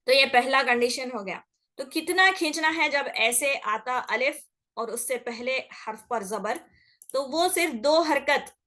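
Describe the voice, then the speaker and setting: In a patient Quran recitation lesson, a woman explains the rules, checks in often, and stretches sounds out to demonstrate. Her voice sits on the high side and is a bit bright.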